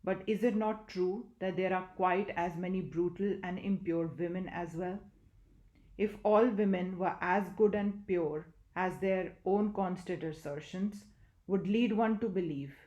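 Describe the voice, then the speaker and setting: A woman reading a spiritual book aloud in a measured, even way, in an echoey room. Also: lowish voice. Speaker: audiobook reader.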